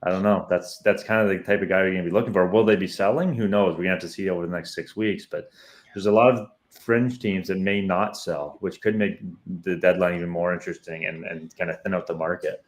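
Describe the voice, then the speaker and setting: Deep-voiced Canadian man analyzing baseball. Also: fairly even intonation, quick pace. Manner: confident, opinionated analysis. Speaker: podcast co-host. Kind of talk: casual sports analysis.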